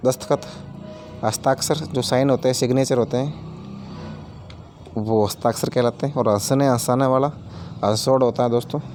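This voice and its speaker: A man's voice: mid-range voice, a little mellow, slight background noise. A man teaching a grammar lesson, explaining each word with everyday examples and repeating key terms, addressing viewers as friends.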